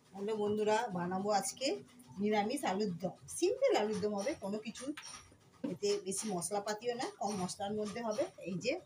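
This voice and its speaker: A woman's voice: mid-range voice, noisy background. A woman chatting casually to her viewers as she cooks at home. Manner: chatty, addresses viewers as friends. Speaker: cooking vlogger. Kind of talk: casual home cooking vlog. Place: home kitchen.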